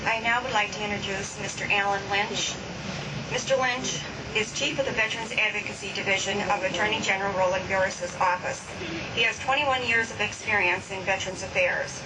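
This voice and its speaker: A woman acting as master of ceremonies, formally reading prepared introductory remarks in a podium speech. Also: mid-range voice. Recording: distant mic with clear background noise.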